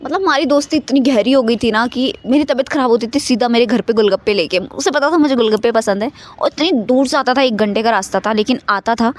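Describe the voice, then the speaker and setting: A woman's voice: a little high, fast talker, few pauses. A young woman casually telling a personal story into her phone, chatty and mixing English words into her talk, often checking in with "okay". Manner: chatty, mixes in English, keeps saying "okay". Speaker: vlogger.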